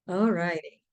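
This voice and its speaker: Woman trainer, conversational and loose, many fillers, mid-pitched voice. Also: mellow, highs cut off. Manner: conversational, filler-heavy, repeats herself. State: out of breath. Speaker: leadership trainer. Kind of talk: live online class.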